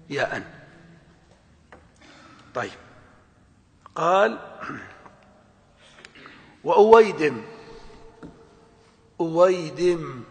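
A man teaching a grammar lesson, explaining step by step and asking his students questions. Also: fairly high pitch. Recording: long hall reverb.

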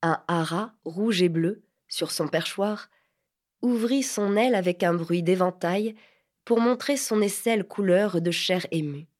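A woman narrating a classic French novel as an audiobook in a measured, expressive reading. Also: lowish voice.

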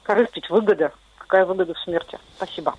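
A woman's voice: lowish voice, fast talker, a little mellow, husky, no echo, rough recording. Woman caller asking questions by phone. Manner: polite, puzzled questioning. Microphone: telephone line.

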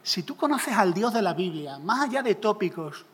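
A man preaching a humorous sermon, jokey and animated, acting out little scenes. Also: high voice, moderate pace, husky, big-room sound.

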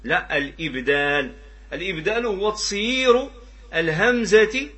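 Moroccan male teacher, bright high voice. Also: lively intonation. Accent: Moroccan Arabic. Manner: explains by questioning students and repeating examples; drawn-out demonstrations of pronunciation. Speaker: Quran recitation teacher. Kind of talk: classroom lesson on tajweed.

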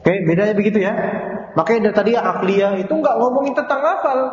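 A man's voice: high voice, animated, quick pace. Male teacher, casual classroom lecture, quizzes the students, echoey hall with faint noise. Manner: conversational, asks students questions. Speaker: Islamic teacher. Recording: echoey, dull room recording.

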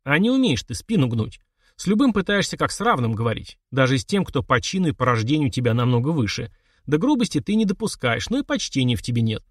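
A man's voice: medium pitch, sing-song, fast, no echo, clean studio sound. A man playing a dryly ironic retired officer, a prince, in an audiobook.

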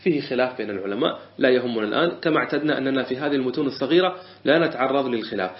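A man's voice: mid-range voice, rapid-fire. A man teaching a classroom lesson on a religious legal text, explaining patiently, repeating phrases and asking and answering his own questions. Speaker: teacher of Islamic jurisprudence. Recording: echoey lo-fi room recording.

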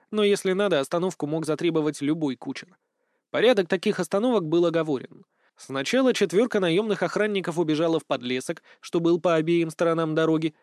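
Male narrator, fantasy audiobook, higher voice, dry studio sound. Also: a little mellow, no room sound. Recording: dry close studio mic.

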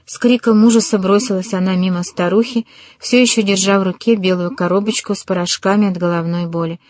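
Woman narrating an audiobook, dramatic and measured, mid pitch, dry close mic. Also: steady tone, a little mellow, no room sound.

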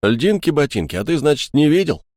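A man's voice: on the low side, normal speed, darkish tone, dry recording, studio quality, close to an everyday voice. A man doing an agitated young friend. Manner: agitated, snapping. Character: agitated young male friend, scared and angry.

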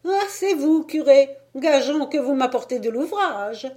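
A woman voicing a kindly old spinster seamstress who talks in a bright, teasing way. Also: high voice, expressive, measured pace, pitched above the performer's own voice. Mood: chatty. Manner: bright, chatty, affectionate.

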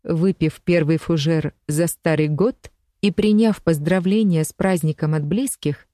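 A woman narrating an audiobook story in a measured, even storytelling manner. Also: low-pitched, no room sound, clean studio sound.

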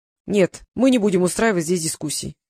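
The audiobook narrator voicing a cold, imperious male transparent god who speaks in measured pronouncements. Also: medium pitch, animated, darkish tone, husky, no room sound.

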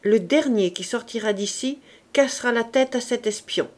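A woman's voice: on the high side, moderate pace, darkish tone, voice pushed up, natural voice. Stern young rebel chief barking short orders, read by a woman, storybook reading. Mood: commanding. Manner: clipped commanding orders. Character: young male rebel leader, stern and cold.

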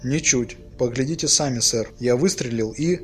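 A man voicing an alarmed male sailor who reports to his captain in a loud, agitated way. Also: mid-range voice, normal speed, soft background music, lightly acted.

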